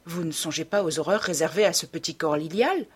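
A woman's voice: low voice, a little fast, husky. A woman reading a grieving male painter. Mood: sorrowful reproach. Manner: pleading, sorrowful reproach. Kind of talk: audiobook character reading.

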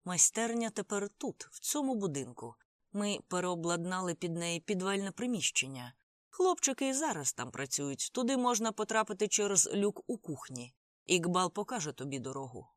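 An audiobook reader voicing a grieving older male crime boss, pleading and agitated in a raised, higher voice. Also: very animated, normal speed, no room sound, clean studio sound, lightly acted. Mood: sly eager. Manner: pleading, agitated, tearful speech.

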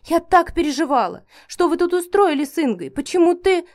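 A woman's voice: high voice, lively intonation, unhurried, mellow, no room sound, clean studio sound, voice pushed up. A woman voicing an emotional, loving elderly grandmother in an audiobook. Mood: anxious.

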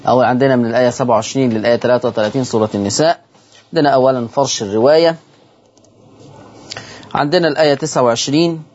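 A man's voice: medium pitch, highs cut off. Egyptian man teaching Quran recitation. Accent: Egyptian Arabic. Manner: slowly chants and repeats example words from the verses. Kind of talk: televised Quran recitation lesson. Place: television studio.

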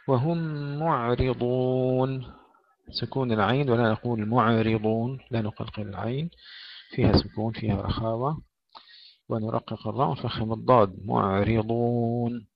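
A man teaches Quranic recitation in a slow, careful way, drawing out each recited word to show how it should sound. His voice has a gravelly edge. The recording is dull and lo-fi. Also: mid-range voice. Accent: Arabic. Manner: slow deliberate demonstration of pronunciation, drawn-out recited words. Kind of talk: tajweed lesson with recited verses.

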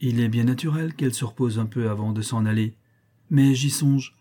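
Male audiobook narrator; measured, expressive delivery, dark and husky tone. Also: medium pitch.

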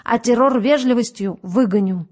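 Woman doing a gruff, shouting physicist. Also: fairly high pitch, moderate pace, natural voice. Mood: gruff blunt. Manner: grumbling, shouting, curt. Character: gruff, blunt male physicist.

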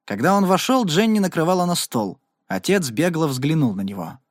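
A man's voice: fairly high pitch, normal speed, dry recording, clean studio sound. A man expressively narrating a Western novel as an audiobook reader. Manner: expressive, lively reading.

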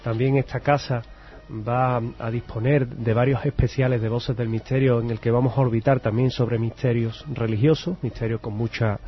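A man hosting a radio show, chatting warmly with a contributor and presenting the programme. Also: mid-range voice, steady tone, moderate pace. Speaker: radio host. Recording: dull radio sound.

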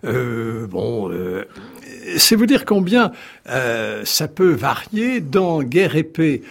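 A man speaking as a historian guest in a radio studio interview, telling his story in an animated way with wry asides and frequent restarts. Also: medium pitch, takes it slowly, vocal fry. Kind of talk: radio interview, explaining at length.

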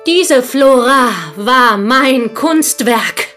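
An actress in a German radio drama, her voice sitting high and a bit bright, plays a possessive and intense village schoolteacher. She confides deliberately, often sinking toward a whisper, in a heavily acted performance over soft background music.

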